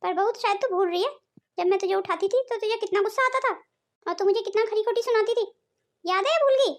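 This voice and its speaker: A woman voicing a very old, calm and wise great-grandmother-in-law in a cartoon, speaking slowly and measuredly, with faint music behind. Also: very high voice. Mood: calm advising.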